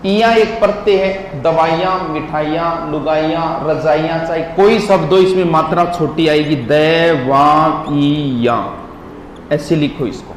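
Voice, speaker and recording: A man's voice: a little high, fairly even intonation, normal speed, hardly any pauses. A man, teaching in a classroom lecture and drilling words syllable by syllable while quizzing his listeners. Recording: echoey hall with faint noise.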